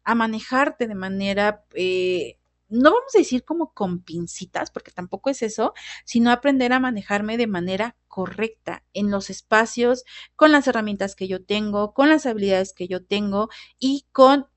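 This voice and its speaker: A woman's voice: mid-range voice, expressive, moderate pace, no echo. A woman teaching a lesson on emotions, chatting casually and often checking in with "¿no?" and "¿vale?". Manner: conversational, tag questions like "¿no?" and "¿vale?". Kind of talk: lecture on emotions.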